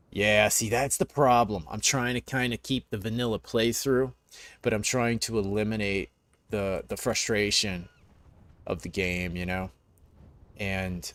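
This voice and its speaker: Laid-back low-voiced young gaming streamer. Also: male voice. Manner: laid-back, rambling, peppered with dude and man. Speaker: game streamer. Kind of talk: casual gaming chat and storytelling.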